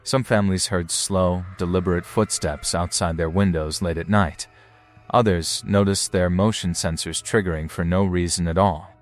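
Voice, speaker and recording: A man with a deep-set voice narrates scripted suspense. He speaks in a deliberate, ominous storytelling manner, as a narrator laying out mysterious incidents. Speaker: narrator of paranormal footage compilation.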